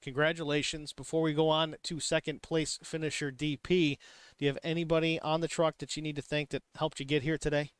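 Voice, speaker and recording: An excitable male race commentator with a voice pitched a bit above the usual, delivering lively booth play-by-play. The sound is close and dry, with almost no room around it. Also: fairly quick, smooth, no room sound. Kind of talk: sim racing broadcast commentary.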